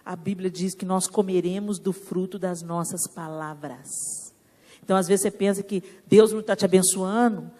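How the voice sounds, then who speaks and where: A woman's voice: fairly low pitch, steady tone, moderate pace, dark tone. A Brazilian woman pastor preaching a sermon in a church, asking rhetorical questions and rising into emphatic preaching.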